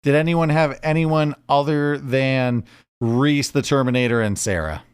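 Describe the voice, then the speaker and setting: A man's voice: medium pitch, a little slow, smooth, no room sound, studio quality. A man hosting a casual podcast chat, easygoing and leading the segments. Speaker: podcast host.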